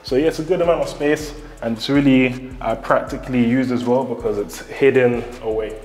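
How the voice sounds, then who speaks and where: A man's voice: medium pitch, steady tone, a little fast, darkish tone, echoey room. Upbeat young man on a house tour. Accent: London English. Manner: upbeat, enthusiastic, addresses viewers directly. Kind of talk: walk-through property tour. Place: empty newly built house, indoor rooms and garden.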